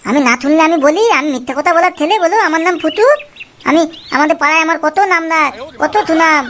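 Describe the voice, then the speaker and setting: A woman's voice: high-pitched, fairly even intonation, fairly bright tone, a little hiss or hum. A woman voicing Futu, a mischievous, boastful boy in a cartoon, who talks in a cocky, scheming way. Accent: Bengali. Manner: cocky, scheming, quick-talking. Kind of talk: cartoon voice acting.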